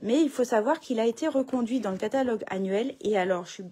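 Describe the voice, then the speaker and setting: A woman's voice: on the high side, fast talker, noisy background. A middle-aged woman, chatting casually through a papercraft tutorial from her home craft room, full of fillers and restarts.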